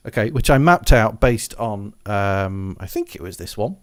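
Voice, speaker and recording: A dog scratches somewhere behind a man who is casually explaining music gear, rambling and thinking out loud through the software and hardware. His lowish voice is animated and clean, at normal speed, studio quality with no echo.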